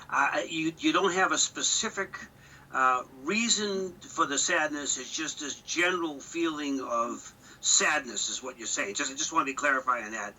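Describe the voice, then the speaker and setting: Piercingly bright male radio host, slightly distant. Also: mid-range voice. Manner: halting, deliberate. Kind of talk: hosting a call-in show. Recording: distant, noisy, harsh radio sound.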